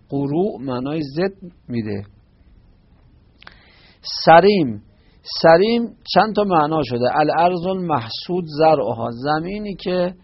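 A husky-voiced man with a gravelly texture explains a religious lesson patiently, quoting short Arabic phrases and glossing them one by one. His pitch sits on the higher side, and he often stops mid-word to restart or fix what he said. The recording has a dull, lo-fi quality.

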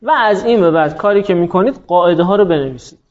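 High-voiced man teaching grammar class. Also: darkish tone. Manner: explains patiently, quizzes students, slows to dictate forms. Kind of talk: classroom lesson. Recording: dull lo-fi sound.

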